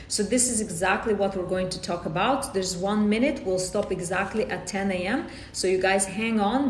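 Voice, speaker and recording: A Romanian life coach with a Romanian accent hosts a live-streamed workshop, greeting viewers by name and reading their comments aloud. She often repeats or restarts phrases, and the room is echoey with a faint rumble.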